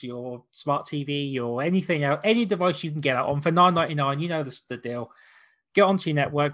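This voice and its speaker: A man with a fairly high voice hosts a casual watch-along. He talks in a loose, rambling way, circling back to rephrase his points. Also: a bit bright. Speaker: podcast host.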